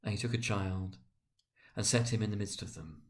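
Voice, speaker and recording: A man narrating a literary story dramatically, with expressive, sometimes halting delivery. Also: on the low side.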